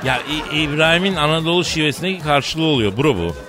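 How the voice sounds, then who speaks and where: A man's voice: a little high, expressive, fast, background noise. A man hosting a comedy radio show, teasing his co-hosts and announcing guests with playful theatrics. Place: radio studio.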